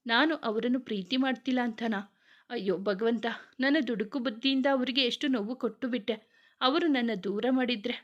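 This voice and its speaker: A remorseful young wife in a storybook romance who pleads and apologizes, as a woman narrator reads her part. Her voice sits a little high. The recording is dull and lo-fi. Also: close to an everyday voice.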